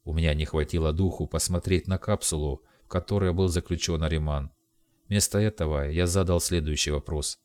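Deep-voiced male audiobook narrator. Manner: steady storytelling, first-person.

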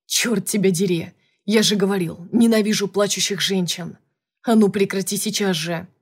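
A woman's voice: mid-range voice, steady tone, normal speed, breathy edge. A brusque male director who barks orders and jabs with sarcasm , as a woman narrator puts him on. His lines come clipped and commanding, read as part of an audiobook. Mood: angry. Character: brusque male boss, gruff and jealous. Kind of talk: audiobook character reading.

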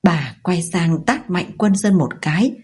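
Low, husky woman telling a story. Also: expressive, unhurried, darkish tone. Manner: dramatic, voicing each character's lines. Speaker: narrator. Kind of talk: storytelling narration with voiced dialogue.

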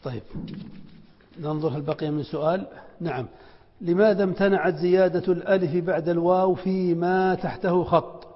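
High-voiced man teaching in a reverberant hall. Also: steady tone, moderate pace. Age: middle-aged. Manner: quizzes students, then answers his own questions. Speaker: teacher of Arabic spelling. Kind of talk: classroom lesson. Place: lecture hall with students. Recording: dull lo-fi recording with long hall reverb.

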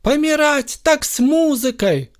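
A man voicing a bold, quick-witted young woman in a storybook, crying out high and pleading. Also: expressive.

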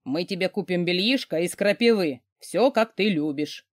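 Narrated by a woman, an overbearing wealthy giant of a man who barks orders and teases mercilessly. His lines bounce with lively pitch swings. The sound is dry and close. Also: moderate pace, dry recording, lightly acted. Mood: mocking. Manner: gruff, barking, mocking orders.

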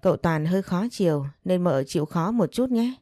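A woman voicing a kindly, motherly older female house servant in an audio story, speaking with gentle advice. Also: fairly low pitch, lively intonation, moderate pace, no room sound, faint music behind, lightly acted.

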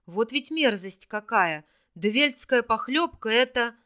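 A woman's voice: fairly high pitch, animated, unhurried, bright, forceful tone. Woman doing a grumbling male companion. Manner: grumbling, complaining.

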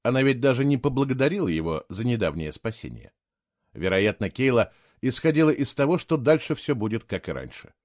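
A man reading a novel aloud in a measured, expressive storytelling way. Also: mid-range voice, dry recording, studio quality. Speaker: audiobook reader. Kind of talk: scripted narration.

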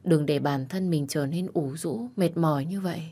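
A woman voicing a worried, protective young female best friend who fusses and scolds gently in an audio story. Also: deep voice, moderate pace, husky. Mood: caring. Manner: fussing, scolding, caring.

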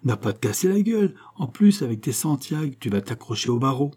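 A man's voice: medium pitch, big pitch swings, a little fast, warm tone, husky, voice pushed up. A man voicing a worried, blunt male police partner who scolds his colleague, in an audiobook. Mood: scolding.

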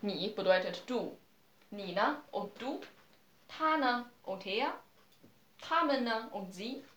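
A woman teaching a language class, who repeats each phrase patiently and explains it slowly. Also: a little high, lively intonation, fairly bright tone, roomy sound, slight background noise.

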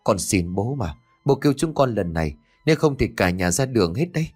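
A man's voice: lowish voice, big pitch swings, fairly quick, darkish tone, breathy edge, faint music behind. A man voicing a vicious daughter-in-law who shrieks and hurls abuse. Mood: begging. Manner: shrieking, abusive.

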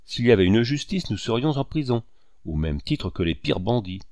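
A man reading the lines of a cheerful, carefree male painter who talks in a lively, mocking way. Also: medium pitch, moderate pace, no room sound, studio quality, close to an everyday voice. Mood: gleeful.

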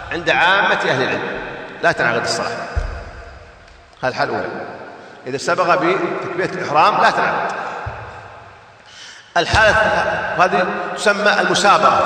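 A man leads a religious lesson, explaining rulings patiently and chanting examples. His voice is high and bright. It rings out in a large reverberant hall, picked up from some distance. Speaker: sheikh teaching jurisprudence. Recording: echoey hall, voice from far off.

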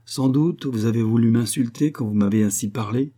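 A man's voice: mid-range voice, brisk, mellow, close to an everyday voice. A man reading the part of a hostile, imperious baronet, cold and cutting in his questions. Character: haughty, hostile baronet, middle-aged man.

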